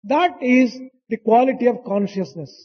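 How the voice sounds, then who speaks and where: An interpreter translating a spiritual discourse in a large hall, speaking haltingly with hesitations. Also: medium pitch, animated. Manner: slow, halting delivery with hesitations. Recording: dull archival recording with long hall reverb.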